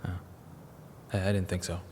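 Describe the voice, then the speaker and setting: A low, level, slightly mellow voice belongs to an actor lightly performing the narrator and lead of a radio drama: a young father, grieving and restless. He sounds earnest, awkward and wistful, pausing reflectively through narration and dialogue, recorded in a reverberant hall with faint noise behind.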